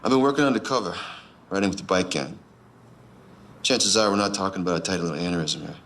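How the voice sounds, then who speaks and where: A man's voice: sits low, fast, fairly bright tone, slight background noise. An actor playing the ghost of a wisecracking undercover male cop, talking with wry, sardonic banter. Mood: matter-of-fact. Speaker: police officer. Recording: TV drama audio with music score.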